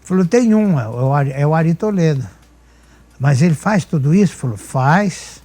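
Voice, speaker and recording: Older man, caipira São Paulo accent, lively anecdotal storytelling, slightly high voice. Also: normal speed. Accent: São Paulo countryside (caipira). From Brazil. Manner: lively storyteller acting out dialogue. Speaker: guest humorist.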